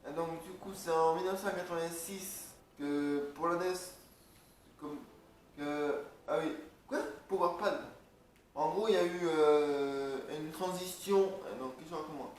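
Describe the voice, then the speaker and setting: A man's voice: fairly high pitch, measured pace. A young man casually vlogging, rambling and joking while reading from his notes. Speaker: video creator. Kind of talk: casual vlog talk. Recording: echoey room, far from mic, faint noise.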